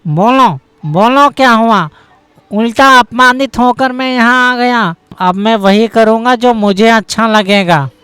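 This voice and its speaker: A voice actor plays a hot-headed young cartoon husband who blusters and threatens revenge. The voice is smooth, mid-pitched and dry. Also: unhurried, a bit bright, no room sound, natural voice. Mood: raging. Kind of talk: cartoon voice acting.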